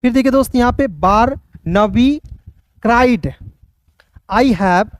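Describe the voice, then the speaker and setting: A man with a Hindi accent teaching English phonics, spelling words letter by letter and sounding them out slowly. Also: very high-pitched, dry recording. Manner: slow, repeats words, checks with listeners.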